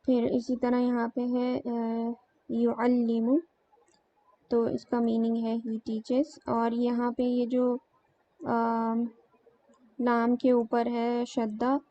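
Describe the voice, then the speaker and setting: Slow, flat-voiced woman teaching grammar. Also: fairly high pitch. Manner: slow, explains step by step with many fillers. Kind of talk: grammar lesson. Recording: dull lo-fi sound with faint noise.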